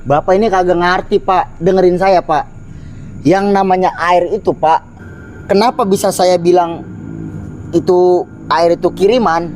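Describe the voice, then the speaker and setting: An actor playing a frantic school worker who pleads and insists a flood is coming, with faint music under the scene. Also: male voice, high voice, fairly even intonation, measured pace, pauses often, a little mellow, low-quality recording. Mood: pleading. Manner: panicky, pleading, keeps adding "Pak". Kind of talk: horror film acting.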